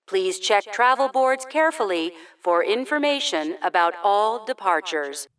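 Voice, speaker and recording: A woman's voice: medium pitch, animated, unhurried, fairly bright tone, far from the mic. A woman playing a courteous station announcer reading a formal scripted public announcement.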